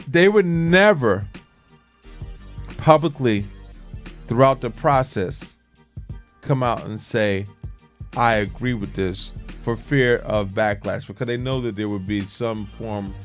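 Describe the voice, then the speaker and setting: A man's voice: mid-range voice, slow, long pauses. A man co-hosting a morning radio show in casual DJ chat, repeating phrases as he builds his point. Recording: music playing behind. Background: music.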